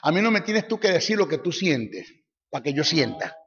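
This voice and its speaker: Brief: male Bible teacher, high voice, forceful and mocking, repetitive sermon, echoey lo-fi hall recording. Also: sing-song, fairly quick.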